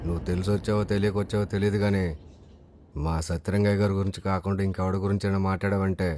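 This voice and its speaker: A low, dark-toned henchman, played by a man, issuing a quiet threat. A faint hiss sits under him. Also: level tone, very fast, close to an everyday voice. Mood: threatening. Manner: menacing, low. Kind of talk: film drama dialogue.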